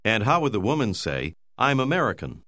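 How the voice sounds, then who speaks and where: A man narrating a language course, giving slow, clear, measured prompts. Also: fairly low pitch, big pitch swings, bright, forceful tone, no echo, clean studio sound. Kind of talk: scripted instructional narration.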